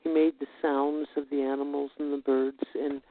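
A man chatting casually and earnestly, in a halting, thoughtful way. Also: on the high side, level tone, no room sound. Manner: halting, earnest, says "eh" and "you know". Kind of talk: casual heartfelt chat about faith. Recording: tinny phone-line sound.

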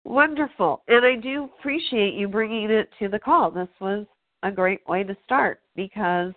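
A woman's voice: mid-range voice, normal speed, no room sound. A woman coach giving direct, encouraging feedback on a coaching call. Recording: tinny phone line.

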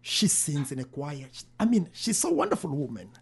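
Earnest, husky-voiced pastor. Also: male voice, a little high, huge pitch swings, normal speed. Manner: earnest storytelling with repeated phrases. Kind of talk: interview testimony.

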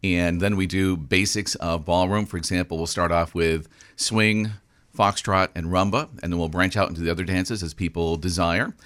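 A man being interviewed on the radio as a ballroom dance instructor, with a smooth, practiced delivery and dry jokes. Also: low-pitched, fairly even intonation, normal speed, fairly bright tone. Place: radio studio.

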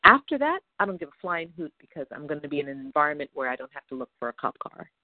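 A woman's voice: sits low, sing-song, fast, dry recording. Anxious woman on a tinny phone line. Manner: anxious, rambling, talks in long run-on stretches. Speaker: caller seeking advice. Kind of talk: phone conversation.

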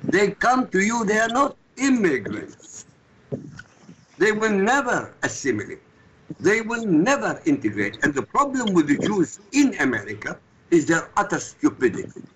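A native Arabic speaker from Iraq, with an Iraqi Arabic accent, appears as a guest commentator in heated radio talk. His voice sits high with huge pitch swings at a normal speed, and there's background noise. He's emphatic and insistent, lecturing and cutting in.

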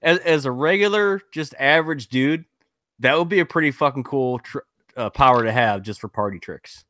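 A man co-hosting a podcast in casual chat, laid-back and quick to laugh. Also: medium pitch, expressive, sharp tone. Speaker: podcast co-host.

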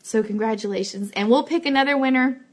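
A woman speaking a little high and fast hosts a fan livestream from an office. She talks casually to viewers, giving announcements and thanking them.

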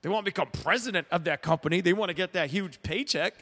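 Hosting a sports talk show, this man speaks quickly in a somewhat high, slightly bright voice, delivering blunt opinions. He tends to ramble, repeat words, and start over. A long reverb echoes through the recording.

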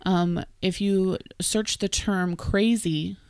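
A woman's voice: mid-range voice, steady tone, takes it slowly, a little mellow, clean tone, no room sound. A woman co-hosting a podcast in casual chat, thinking aloud with fillers. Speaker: podcast co-host.

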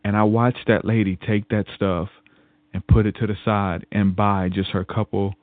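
A man's voice: on the low side, little pitch movement, normal speed, no room sound. A man, a podcast guest, telling a personal faith story in a rambling way, often repeating words and restarting sentences. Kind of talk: casual spoken testimony. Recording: tinny phone-like line.

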